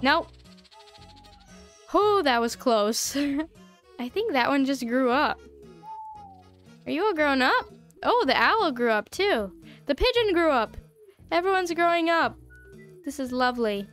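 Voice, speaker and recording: A woman's voice: high-pitched, big pitch swings, slow pace, pauses often, fairly bright tone, soft background music. A woman giving casual, chatty let's-play commentary while building in a game, laughing often and talking through hiccups. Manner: giggly, chatty, frequent laughter. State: hiccuping, voice strained. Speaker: gaming YouTuber.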